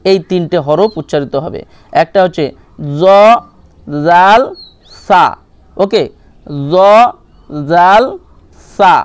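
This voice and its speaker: A man's voice: high-pitched, clean tone, no echo. A man teaching Quran pronunciation, patiently repeating each letter sound several times.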